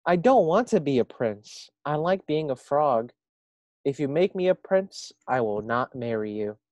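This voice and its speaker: A man's voice: medium pitch, very animated, unhurried, darkish tone, no room sound, pitched above the performer's own voice. A man reading a picture book aloud, voicing a fussy, bossy little male frog who refuses to become a prince.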